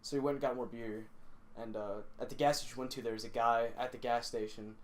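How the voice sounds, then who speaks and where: A man's voice: mid-range voice, steady tone, quick pace. A young man hosting a casual podcast, telling rambling stories full of swearing and laughing as he goes. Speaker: podcast host. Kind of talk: casual chat.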